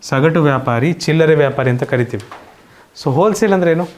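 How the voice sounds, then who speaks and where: A woman with a Kannada accent teaches an online coaching class in a lowish voice. She drills English words one by one, asking the class and supplying each answer herself. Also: brisk, a little mellow.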